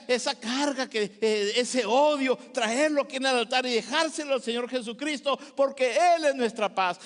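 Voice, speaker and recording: A man's voice: extremely high pitch, fairly bright tone. A male pastor preaching a sermon, pleading with the congregation in an impassioned way. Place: church sanctuary. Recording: long church hall reverb.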